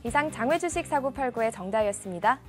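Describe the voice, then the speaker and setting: A woman caster reading a scripted announcement on a broadcast, in a clear announcer delivery. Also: on the high side, animated, fast talker, soft background music.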